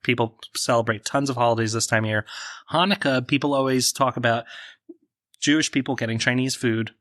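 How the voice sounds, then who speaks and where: A man's voice: medium pitch, fairly even intonation, a little fast, fairly bright tone, no echo, studio quality. A man with a New Jersey accent hosting a podcast, eagerly explaining fun facts and cracking jokes. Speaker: podcast host. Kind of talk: casual podcast chat.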